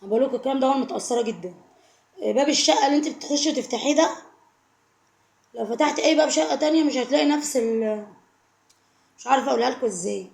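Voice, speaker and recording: A woman's voice: sits high, racing, gravelly, pauses often, a little mellow, roomy sound. A woman with an Egyptian Arabic accent giving heartfelt, emotional advice to camera, pleading and repeating herself for emphasis. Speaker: vlogger.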